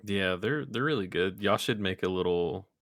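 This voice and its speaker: A man's voice: low voice, normal speed, no echo, studio quality. A young man from West Virginia with a mild Hoosier accent, chatting casually on a podcast and telling folksy stories. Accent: Indiana Hoosier, faint West Virginia traces. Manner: relaxed storyteller, folksy sayings. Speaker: podcast co-host. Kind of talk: casual chat.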